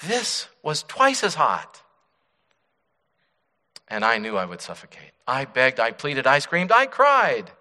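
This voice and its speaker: A man voicing a suffering clay teacup that pleads and cries out in high, strained bursts. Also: huge pitch swings, takes it slowly, pauses often, pushed and bright, long reverb tail, full character voice. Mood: pleading, anguished.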